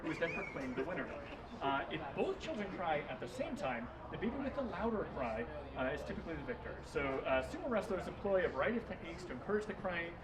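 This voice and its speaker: A man's voice: a little high, sing-song, quick pace, a crowd in the background. A man hosting a live evening event, presenting in a lighthearted, wry way before introducing the next speaker. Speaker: event host. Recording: roomy, distant, noisy live venue.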